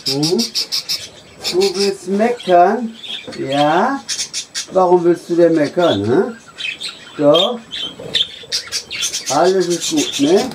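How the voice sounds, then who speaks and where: Low, slow woman, soothing pet birds, noisy take with chirping behind. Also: expressive. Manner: cooing, soothing, repeats short questions. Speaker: bird keeper. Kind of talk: coaxing talk to pet budgies. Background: chirping and squawking budgies.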